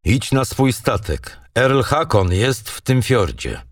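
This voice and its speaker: A man's voice: mid-range voice, sing-song, takes it slowly, dry recording, clean studio sound, far from the mic. A man reading as a stern young Norse king. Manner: stern, terse commands. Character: young proud Norse king, fierce and commanding.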